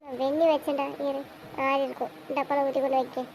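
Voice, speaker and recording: High-voiced, fast-talking young woman. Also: level tone, a little mellow, a little hiss or hum, low-quality recording. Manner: quick, teasing, bossy older-sister banter. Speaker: elder sister. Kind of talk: amateur web drama acting.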